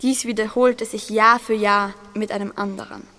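A woman's voice: mid-range voice, fairly even intonation, moderate pace, sharp tone, in a large hall. A teenage girl voicing a grave male village innkeeper who tells an ominous tale in a school radio play. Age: teens. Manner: storytelling, ominous.

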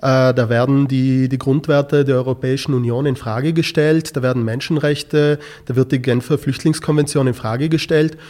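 A man, speaking at an ordinary middle pitch. He is a teacher answering interview questions in a thoughtful, searching way and pauses often on filler sounds. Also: fairly even intonation, a little mellow. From South Tyrol. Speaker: teacher in a school project.

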